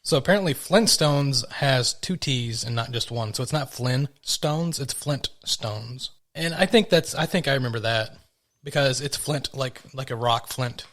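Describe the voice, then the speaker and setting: A man's voice: medium pitch, animated, moderate pace, fairly bright tone. Casual rambling man co-hosting a podcast. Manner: loose, rambling, swears freely. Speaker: podcast co-host. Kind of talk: casual chat.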